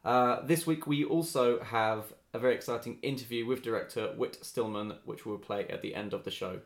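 A man's voice: mid-range voice, normal speed, creaky. Man hosting a podcast in echoey room. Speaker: podcast host. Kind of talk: casual film discussion. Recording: roomy, echoing room sound.

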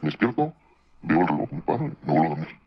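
A man with a Mexican accent telling a personal story in casual podcast chat, speaking rapidly and conversationally. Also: rumbling low, very animated, husky, muffled recording. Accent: Mexican Spanish. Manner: rapid, conversational, slips into voices for quoted people.

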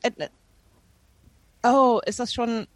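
A woman's voice: on the high side, lively intonation, takes it slowly, dry recording. A woman playing a nervous female test subject who hesitates and stumbles in an improvised sketch. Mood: unsure. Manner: hesitant, full of fillers.

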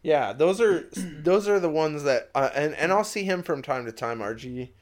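A man hosting a casual podcast chat, animated and quick to laugh, often restarting his sentences. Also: a little high. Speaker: podcast host.

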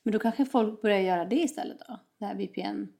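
Creaky-voiced young Swedish-speaking woman. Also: mid-range voice, warm tone. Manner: chatty, mixes English phrases, acts out quoted exchanges. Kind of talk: casual chat.

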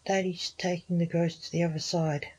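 A woman's voice: on the low side, little pitch movement, normal speed, a little mellow, slightly rough. Woman voicing a bickering grown dad. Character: exasperated father, adult man. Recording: dull lo-fi recording.

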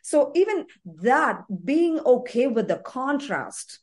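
A woman's voice: high-pitched, very animated, slow. A woman therapist in a podcast conversation, talking earnestly and repeating phrases for emphasis.

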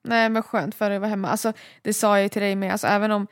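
A woman's voice: mid-range voice, flat delivery, dry recording, studio quality. A woman in casual conversation, reacting with short sympathetic interjections before she shares her own view. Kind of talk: casual chat.

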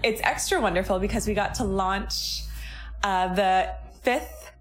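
A woman's voice: medium pitch, a little slow, faint music behind. A woman interviewing two guests in a friendly, chatty way, laughing along. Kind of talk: casual interview.

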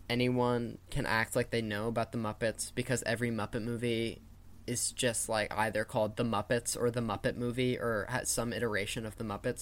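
A man's voice: medium pitch, a little hiss or hum. A man hosting a podcast with casual film commentary, wry and opinionated. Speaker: podcast host.

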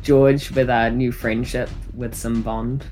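A woman's voice: extremely low pitch, level tone, slow pace, dark tone, soft background music. A woman casually playing a tabletop game, making jokes. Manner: joking, laughing. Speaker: player.

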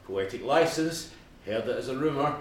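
A man's voice: medium pitch, lively intonation, moderate pace. Middle-aged man chatting unscripted in an echoey room. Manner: rambling, conversational. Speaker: podcast co-host. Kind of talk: natural unscripted casual chat about music. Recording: very echoey room, distant mic, faint noise.

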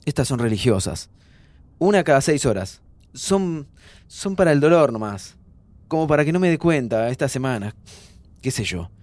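A man's voice: medium pitch, sing-song, normal speed, long pauses, darkish tone, dry recording, lightly acted. An actor playing an ill young man with a Rioplatense Spanish accent who jokes and reassures his friend. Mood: reassuring. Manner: playful, soothing, tired. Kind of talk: audio drama acting.

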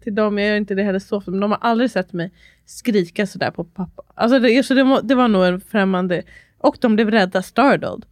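A woman in her thirties talks on a podcast in a lively, laughing way and drops English phrases into her Swedish. Her voice sits at a middle pitch. The recording is dry and close. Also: no echo. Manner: animated, laughing storyteller, mixing in English phrases. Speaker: podcast co-host. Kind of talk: casual chat.

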